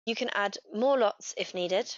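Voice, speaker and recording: A woman narrating a scripted software tutorial, walking through each step in a steady, clear way. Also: medium pitch, measured pace, no echo. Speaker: customer success manager. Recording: dry, slightly dull voice-over.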